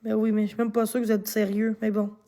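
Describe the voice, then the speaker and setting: A woman with a Québécois accent berates her chat during a live stream, swearing a lot in her anger. Her voice is mid-range and warm with little pitch movement, and she speaks quickly.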